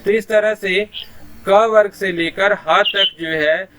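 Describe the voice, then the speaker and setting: A man's voice: high voice, fairly even intonation, takes it slowly, a bit bright, a little hiss or hum. A man teaching Hindi in an online class, explaining patiently and sounding out letters one by one, with a habit of repeating a filler phrase.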